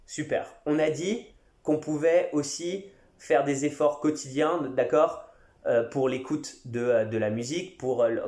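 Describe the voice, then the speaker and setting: A man who teaches English, talking casually on his podcast with many pauses and restarts. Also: on the high side, a little mellow, roomy sound. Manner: conversational, many fillers and restarts. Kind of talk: casual solo podcast talk.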